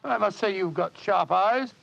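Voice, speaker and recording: An actor playing an earnest, blustery English gentleman doctor and loyal sidekick in an old radio drama. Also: high voice, measured pace, gravelly, exaggerated voice. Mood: astonished. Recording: dull vintage radio recording.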